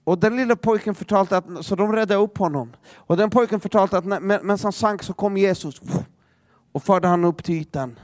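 A man preaching a sermon through a dramatic story, repeating words as he restarts and dropping to a hush for emphasis. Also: sits high, no room sound, studio quality.

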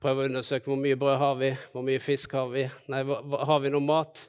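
A man's voice: mid-range voice, completely flat delivery, darkish tone, smooth. A man preaching a sermon, retelling stories and acting out the people in them. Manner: storytelling, acting out the disciples and Jesus in quotes.

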